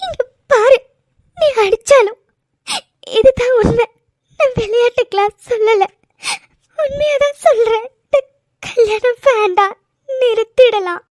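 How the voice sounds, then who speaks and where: A woman's voice: very high voice, expressive, brisk, no room sound, studio quality. A woman voicing a young cartoon bride who insistently pleads, often near tears, to call off her wedding. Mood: tearful. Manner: insistent, exasperated, tearful pleading. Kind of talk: cartoon voice acting.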